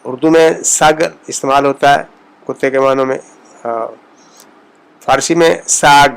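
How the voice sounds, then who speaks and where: A man's voice: mid-range voice, fairly even intonation, vocal fry, clean tone, low-quality recording. Man teaching pronunciation, repeating example words. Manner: slow, repeats example words to model sounds. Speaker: language teacher. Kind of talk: pronunciation lesson.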